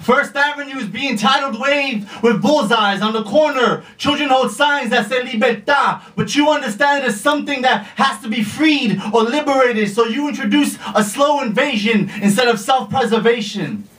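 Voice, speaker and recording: A man performs slam poetry in an extremely high, raised voice. His delivery is impassioned and incantatory, breaking into forceful shouts. It is a live stage recording, picked up at some distance from the microphone. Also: moderate pace, few pauses. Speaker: spoken word poet. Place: live poetry event before an audience.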